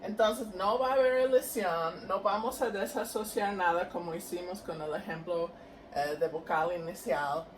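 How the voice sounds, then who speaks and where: A woman's voice: on the low side, steady tone, moderate pace. A woman lecturing on historical linguistics, patiently explaining each step and checking in with her listeners. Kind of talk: academic lecture. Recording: distant mic with faint noise.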